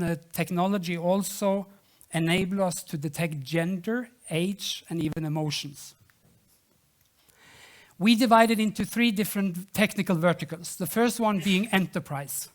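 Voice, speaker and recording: A startup founder giving a business pitch and answering questions, in a halting way that repeats and restarts phrases.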